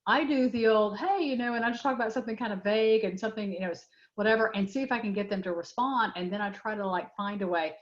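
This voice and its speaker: A woman's voice: medium pitch, fast talker, few pauses. A middle-aged woman presenting a workshop, answering audience questions with frank, direct advice and many fillers. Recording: dull lo-fi web audio.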